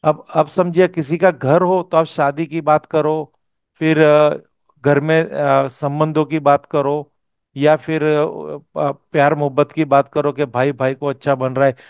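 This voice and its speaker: A man's voice: fairly high pitch, flat delivery, unhurried, clean tone, dry recording, studio quality. A man teaching a course, explaining step by step and often checking that his student follows. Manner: explanatory, checks understanding with "okay?". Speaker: vastu teacher.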